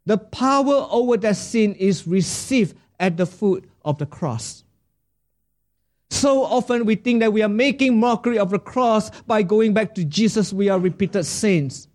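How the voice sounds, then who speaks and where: A male pastor preaching a sermon with a fairly high voice. He takes his time over every phrase, leaving room between thoughts, and puts rhetorical questions to the congregation. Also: measured pace, darkish tone.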